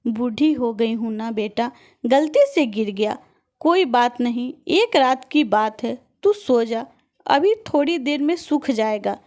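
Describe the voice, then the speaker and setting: A woman voicing an elderly, patient mother who speaks calmly and softly in a storybook narration. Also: fairly high pitch, a little slow. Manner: calm and soft-spoken.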